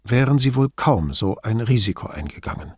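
Man doing a calm male commissioner, quiet, restrained, slightly lower voice, dry audiobook sound. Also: brisk, husky, dry recording.

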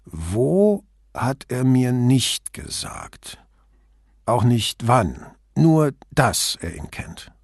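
A man's voice: mid-range voice, expressive, a little slow, breathy edge, no echo, studio quality. A man voicing an evasive, touchy man who turns defensive and indignant under questioning, read in an audiobook.

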